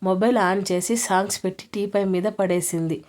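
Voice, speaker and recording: A woman narrating a romance story in a steady, even reading voice. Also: mid-range voice, fairly quick.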